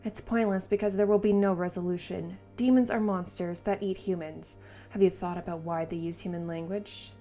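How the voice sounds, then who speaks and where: A woman's voice: fairly low pitch, fairly even intonation, normal speed, warm tone, faint music behind, close to an everyday voice. A woman voicing a stern, unyielding female elf mage from a manga in a matter-of-fact manner. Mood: stern, dry.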